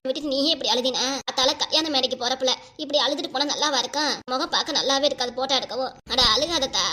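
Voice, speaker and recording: A woman's voice: high voice, racing, bright, forceful tone. A woman with southern Tamil village speech who voices a whole cartoon family, chatty, coaxing and scolding. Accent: southern Tamil Nadu village speech. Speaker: cartoon voice artist. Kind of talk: voicing many family members in a cartoon.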